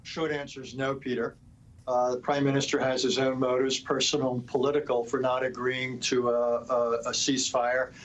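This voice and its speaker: A man answers interview questions as a foreign policy expert. He is blunt and decisive, but he stumbles into restarts now and then. His pitch sits in a middle range. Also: little pitch movement, normal speed, poor audio.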